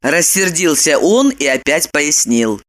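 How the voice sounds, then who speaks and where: Expressive woman audiobook reader. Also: sits low, measured pace, raised voice. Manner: expressive, ironic storytelling. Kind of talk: scripted narration.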